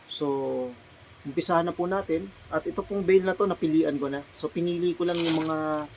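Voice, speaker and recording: A man's voice: fairly high pitch, fairly even intonation, darkish tone, slight background noise, rough recording. A Filipino man, a clothing seller, holds up items from his small shop one by one, repeating each brand name and size politely. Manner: slow, polite, repeats item names and sizes. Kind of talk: casual product showcase vlog.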